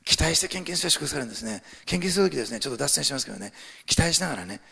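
Older male pastor, bright, high, raspy voice; conversational sermon that surges from whispers to full-throated preaching. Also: expressive, very fast. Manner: swings between soft near-whispers and loud, rising preaching; talks to the congregation with questions and asides. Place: church sanctuary. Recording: long hall reverb.

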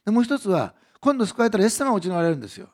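A man preaching a sermon as pastor, earnest, moving between soft hushed passages and raised emphatic lines. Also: high-pitched, very animated, racing.

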